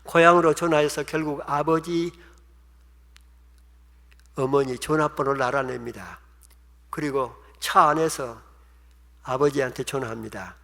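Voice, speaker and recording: A man's voice: mid-range voice, unhurried, gravelly, long pauses, fairly bright tone. A man preaching a sermon, telling a story with emotion and acting out the voices of the people in it. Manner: emotional, acts out quoted voices. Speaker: pastor. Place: church sanctuary. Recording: long hall reverb.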